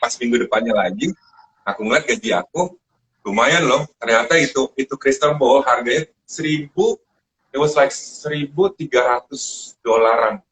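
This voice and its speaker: A man, a chef, chats casually over a video call. He tells his stories with plenty of animation and slips into the voices of the people he quotes. His voice sits at an ordinary pitch for a man. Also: moderate pace, a bit bright, rough recording. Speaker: guest chef. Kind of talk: casual storytelling in a live chat.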